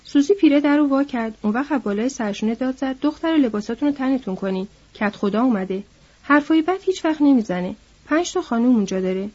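A woman voicing a chatty young male ranch hand who gossips loudly and eagerly, in a storybook reading. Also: high-pitched, breathy edge. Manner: loud, lively gossiping. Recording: dull lo-fi audiobook recording.

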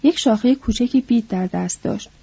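A woman reading a novel aloud as an audiobook narrator, in a measured, descriptive way. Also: on the high side, creaky, warm tone, breathy edge, no echo. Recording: dull lo-fi recording.

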